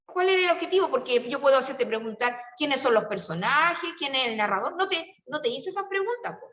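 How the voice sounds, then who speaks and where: A woman's voice: sits high, lively intonation, brisk, a bit bright. A Chilean woman teaching a class, explaining patiently and coaxing her students with questions. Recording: distant, roomy and dull-sounding.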